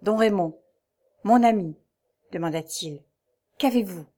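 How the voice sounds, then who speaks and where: A woman's voice: medium pitch, a little slow, mellow, lightly acted. Woman reading as an earnest young knight. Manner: eager, concerned questioning. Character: earnest young male knight, loyal and curious. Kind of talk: audiobook reading.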